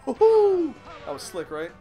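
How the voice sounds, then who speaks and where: This is a man commentating his own let's play in a steady, middle-range voice, swearing at nearly every turn. He rambles, doubles back on his words and throws in sarcastic asides. Game music plays clearly under his talk. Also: medium pitch, normal speed, dull audio. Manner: profane, ranting and sarcastic; rambling with frequent restarts and asides.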